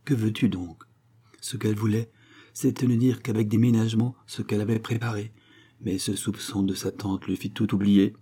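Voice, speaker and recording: A man reading a novel aloud as the narrator, with measured, scripted storytelling. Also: on the low side, little pitch movement, warm tone, breathy edge. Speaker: audiobook reader.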